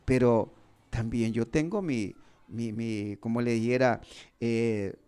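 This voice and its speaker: A man preaches a live sermon into a radio studio microphone, speaking at a slow, steady pace in a middle-pitched voice. He is earnest and serious, and he often hesitates, repeats words and restarts his sentences. He grew up in Nicaragua. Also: clear, resonant tone. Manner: earnest, halting, with many fillers and restarts; describes himself as serious.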